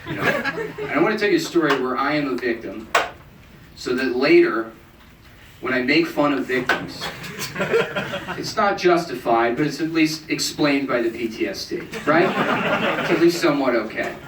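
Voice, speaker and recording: A young comedian talks through a deadpan, self-mocking stand-up set, jumping into a high, mocking voice for the people in his stories. His voice sits at an everyday middle pitch. It comes from an amateur club recording, picked up from a distance in an echoey room with loud noise underneath. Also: moderate pace, long pauses. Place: comedy club stage with audience laughing.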